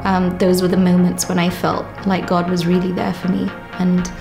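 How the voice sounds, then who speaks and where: A young woman, giving a reflective, unhurried personal testimony with frequent pauses. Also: fairly low pitch, completely flat delivery, creaky, music in the background. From Kenya. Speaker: church member giving testimony.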